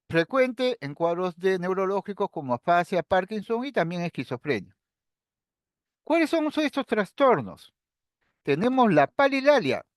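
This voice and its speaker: Middle-aged guy lecturing, high voice, dry close sound, calm step by step explaining. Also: dry recording. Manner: explains calmly and step by step, addressing students directly. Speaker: psychiatry lecturer. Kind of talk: recorded lecture.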